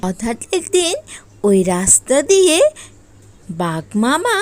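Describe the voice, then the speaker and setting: A woman's voice: high voice, sing-song, slow. A woman delivering scripted fairy-tale narration for a cartoon as the storyteller.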